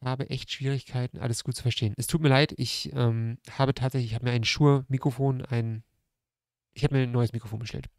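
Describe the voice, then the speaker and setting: A man's voice: mid-range voice, steady tone, brisk, darkish tone, no room sound. Man with a pressed, strangled voice, dry sound. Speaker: livestream host. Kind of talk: casual livestream chat, reading and answering comments. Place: room at home by a large window. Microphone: close desk microphone on a stand.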